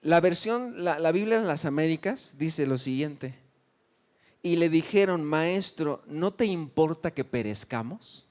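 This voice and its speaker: A man's voice: animated, measured pace. A man preaching a sermon as pastor, acting out the pleas of the faithful with sudden rises in voice. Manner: emphatic, acts out pleas with sharp rises in pitch and volume.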